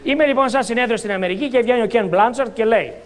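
Lively high-pitched Greek man on stage. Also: some chatter behind. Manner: lively, joking, acts out little scenes. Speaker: motivational speaker and coach. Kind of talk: motivational seminar talk. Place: conference hall.

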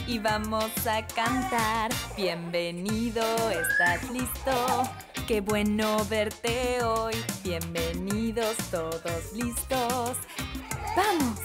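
A woman leading a children's music class, singing and talking in a slow sing-song way for small children. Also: a little high. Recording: music playing behind.

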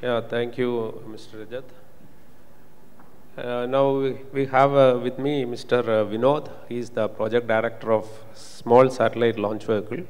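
A man's voice: medium pitch, steady tone, moderate pace, a little mellow, clear, resonant tone. A middle-aged man moderating a conference panel, formal and hesitant with many uhs, into a handheld microphone on stage. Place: large conference hall stage, indoors. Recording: long reverb of a conference hall.

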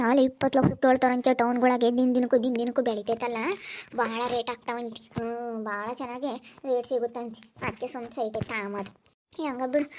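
A woman's voice: high voice, slight background noise, close to an everyday voice. A woman playing a gossiping village mother. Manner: gossiping, lecturing. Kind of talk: village family drama acting.

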